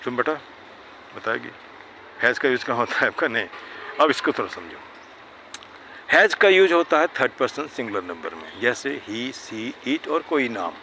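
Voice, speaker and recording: A man's voice: mid-range voice, very animated, normal speed, pauses often, bright, forceful tone, slight background noise. A man teaching English grammar to children in Hindi, patiently checking that they understand. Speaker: English tutor. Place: outdoors near traffic.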